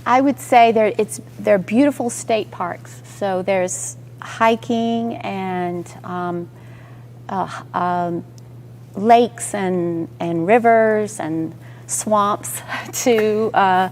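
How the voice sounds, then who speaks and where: A woman from Georgia, a guest musician answering interview questions slowly and thoughtfully with pauses. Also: medium pitch, a little mellow, a little hiss or hum. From Georgia, United States. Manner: slow and thoughtful, many pauses.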